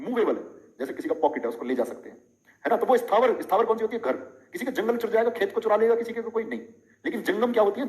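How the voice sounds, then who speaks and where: A man's voice: high voice, darkish tone, low-quality recording. A middle-aged man teaching a live online Hindi lesson, chatty, explaining with playful examples and questions to his students.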